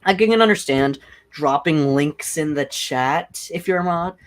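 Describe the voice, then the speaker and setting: Hosting his own livestream, a young man who describes his voice as deep chats casually and a little slowly. He rambles from one thought to the next, saying "like" constantly, and sounds unscripted and offhand.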